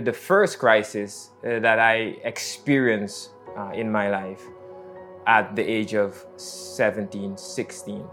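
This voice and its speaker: Man, 30s, faith testimony, halting and reflective, faint background music. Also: fairly low pitch, a bit bright. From Netherlands. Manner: reflective, halting with frequent fillers. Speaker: missionary.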